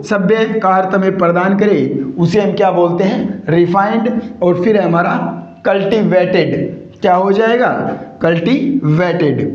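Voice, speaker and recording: A man's voice: sits high, a little mellow. A male teacher, giving a vocabulary lesson by asking his own questions and answering them. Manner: repetitive question-and-answer drilling; keeps addressing listeners as companions. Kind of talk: classroom lesson. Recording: roomy, dull lo-fi sound.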